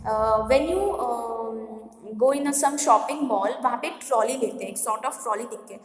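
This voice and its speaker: Slow-talking teacher woman, echoey room. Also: fairly high pitch. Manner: slow, mixes Hindi and English, many "uh" pauses. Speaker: English teacher. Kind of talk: classroom lesson explaining a poem. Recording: echoey room with long reverb.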